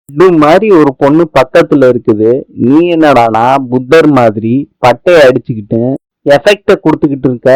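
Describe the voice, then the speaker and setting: A man's voice: on the high side, dry recording, natural voice, poor audio. A man voicing a cheeky male inner conscience who teases and goads. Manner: teasing, cheeky.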